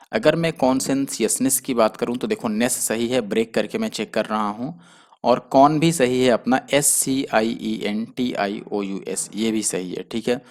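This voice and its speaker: Man, exam tutor, patient, spells letters out slowly, mid-range voice. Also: medium pitch. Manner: explains patiently, spells letters out slowly, often adds "theek hai". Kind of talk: spoken spelling lesson.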